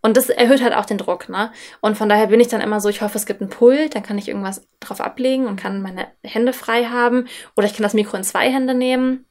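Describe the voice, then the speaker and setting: A woman in a relaxed podcast conversation, speaking reflectively and at length about her nerves. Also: on the high side, fast, hardly any pauses. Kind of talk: casual conversation.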